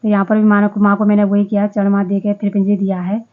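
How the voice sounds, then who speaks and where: A woman's voice: mid-range voice, completely flat delivery, fast talker, narrow, tinny audio. A woman vlogger narrating her day in a casual voice-over, chatty, often restarting and correcting herself.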